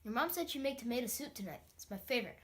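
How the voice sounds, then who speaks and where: A woman voicing Watson, a sensible, friendly young friend who gently teases, in an amateur audio drama. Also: fairly high pitch, lively intonation, racing, slight background noise, close to an everyday voice. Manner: patient, encouraging, gently teasing.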